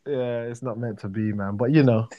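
A man's voice: medium pitch, fairly even intonation, a little fast, dull audio. A man with a South London accent chatting casually in a laid-back, slangy way, dropping in bro and man. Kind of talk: casual chat.

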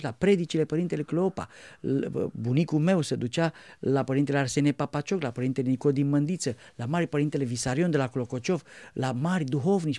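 A man's voice: fairly high pitch, a little mellow, dry recording. Male priest telling his story, earnest, kinda rambly, dry room. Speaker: Orthodox priest.

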